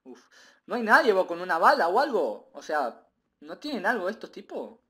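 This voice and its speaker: Brief: male gamer, rambling live commentary, very lively swooping delivery. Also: high-pitched, moderate pace. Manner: excitable, rambling, repeats himself, bursts into shouts. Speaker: gaming video creator.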